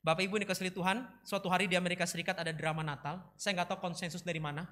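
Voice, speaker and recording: A pastor preaches a sermon and tells a story with lively energy, loudly acting out the characters' lines. His voice is high-pitched and his delivery rapid-fire.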